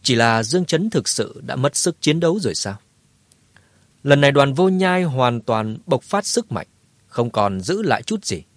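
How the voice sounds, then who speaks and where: A man narrating a martial arts novel in a dramatic, lively telling. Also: medium pitch, no room sound. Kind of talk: scripted audiobook narration.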